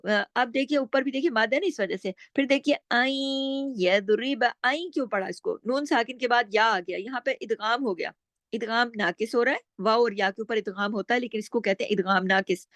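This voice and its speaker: A woman with a slightly high voice teaches the rules of Quran recitation. She goes step by step, poses questions and answers them herself, and stretches each recited word out slowly. The sound is dry and close, with no room in it. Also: a bit bright, no room sound. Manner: patient, explains step by step, asks and answers her own questions; draws out Arabic words slowly when reciting. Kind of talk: tajweed lesson with slow recitation.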